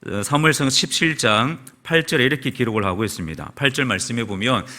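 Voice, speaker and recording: A male pastor preaching a sermon in a church, telling the story in an animated way. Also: mid-range voice, fast talker. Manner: animated storytelling, acts out quoted shouts. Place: church sanctuary.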